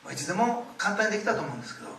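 A middle-aged man preaching a sermon, telling stories with lively acted-out quotes, in a church hall. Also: high-pitched, racing. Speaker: pastor. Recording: echoey room, distant mic, faint ambience.

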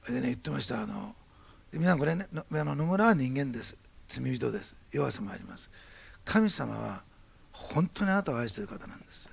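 A man preaching a sermon, his voice heavily gravelly and husky. He speaks fast, with wide swings of pitch as he acts out the people in his anecdote before turning to prayer. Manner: lively storytelling, acting out quoted dialogue. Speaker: pastor.

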